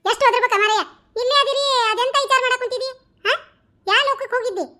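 A shrill, very high young wife in a cartoon comedy , as a woman puts her on, nags and teases her husband in a quick, bright North Karnataka voice. She is chatty and sulky. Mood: teasing. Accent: North Karnataka Kannada. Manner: chatty, nagging and teasing.

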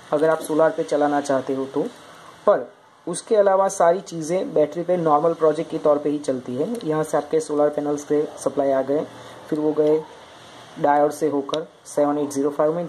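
A woman's voice: low voice, mellow, slight background noise, rough recording. A woman explaining an electronics project step by step, pointing out each part as she goes. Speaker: project demonstrator.

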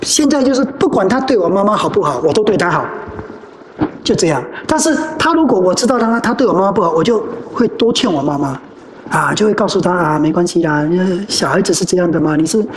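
A Buddhist monastic answering listeners' questions in an informal dharma talk, telling personal stories and repeating phrases with drawn-out particles at the ends of sentences. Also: mid-range voice, animated, a little hiss or hum, rough recording. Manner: tells personal stories to advise.

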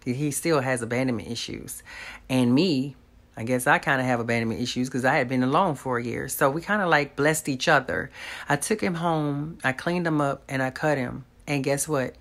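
With an extremely low-pitched voice at normal speed, a woman vlogger tells her personal testimony. She speaks earnestly and with faith, addressing viewers directly from a small room in her home.

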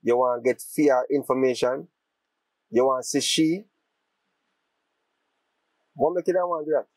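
A man with a Jamaican accent playing a fast-talking man who teases about money. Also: mid-range voice, no room sound, lightly acted, rough recording. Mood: taunting. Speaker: actor. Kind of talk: low-budget film drama.

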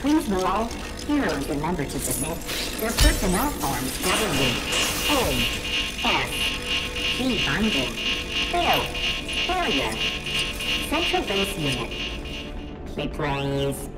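A glitching, malfunctioning base computer in a video game. It speaks slowly in a lowish voice that swoops up and down as it stutters, repeating error messages and breaking off mid-word. Loud game music plays underneath. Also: female voice, wildly swooping pitch, exaggerated voice, poor audio.

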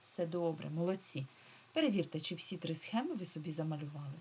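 Lower-pitched woman teacher sounding out words. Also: animated, mellow, a little hiss or hum. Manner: stretches words out slowly and sounds them out syllable by syllable; patient, instructive, repeats key words. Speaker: primary school teacher. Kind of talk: remote reading lesson for first graders.

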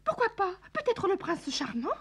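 A woman's voice: extremely high pitch, huge pitch swings, normal speed, vocal fry, full character voice. A woman voicing a dreamy, romantic little female mouse in a children's puppet show, gushing and melodramatic. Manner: gushing, dramatic.

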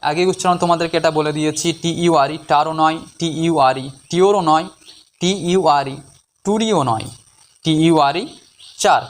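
Male pronunciation tutor, patient, spells words out, a little high-pitched. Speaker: English pronunciation teacher. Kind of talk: slow syllable-by-syllable pronunciation lesson.

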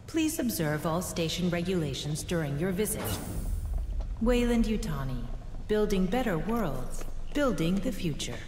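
A woman voicing a calm, polite female station computer that makes announcements in a game. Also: fairly low pitch, unhurried, noisy background. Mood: welcoming. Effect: public address announcement. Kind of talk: game voice acting. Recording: echoey hall with long reverb, music behind.

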